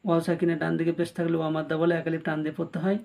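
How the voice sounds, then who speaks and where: A Quran reading teacher delivers a recitation lesson by spelling out every letter and vowel mark before stretching out the joined syllables, talking straight to the viewers. The voice is medium-pitched, fairly flat, very fast, gravelly, and darkish in tone.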